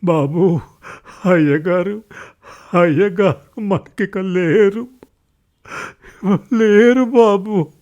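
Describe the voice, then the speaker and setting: A man voicing a plain-spoken male household servant who shouts his words in rustic speech. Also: high voice, very slow, pauses often, lo-fi sound, pitched above the performer's own voice. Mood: wailing.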